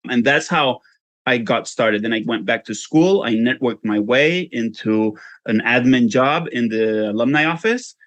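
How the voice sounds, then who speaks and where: This interview guest is a Spanish-accented man from Spain who works as a fundraising consultant. His mid-range voice is unhurried and a bit bright, recorded without echo. He answers informally, pokes fun at himself, and often says "you know."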